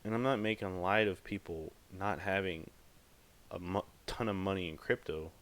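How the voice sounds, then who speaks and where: A man's voice: low-pitched, moderate pace, a bit bright. A man hosting a podcast, talking casually in a rambling, emphatic way with lots of fillers. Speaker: podcast host. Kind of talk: casual monologue.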